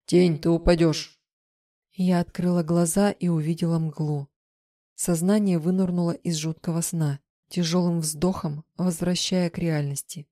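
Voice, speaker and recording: A woman's voice: fairly low pitch, fairly even intonation, normal speed, dark tone, dry recording, studio quality. A woman narrating a first-person fiction audiobook with tense, vivid storytelling.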